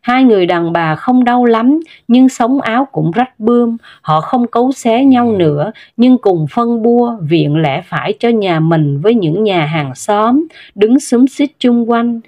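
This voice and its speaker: A woman narrating a story in a steady, measured way, with scripted storytelling delivery. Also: medium pitch, lo-fi sound.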